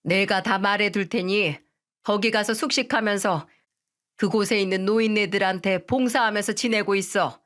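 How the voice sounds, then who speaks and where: A woman's voice: medium pitch, normal speed, fairly bright tone, close to an everyday voice. Woman as a stern scolding mother-in-law. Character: stern middle-aged mother-in-law, severe and commanding.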